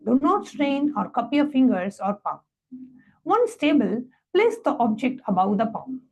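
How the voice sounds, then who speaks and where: A woman presenting a devotional satsang, reading a story aloud and then giving step-by-step guided instructions in a measured, reverent way. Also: high-pitched, sing-song, a little mellow, highs cut off.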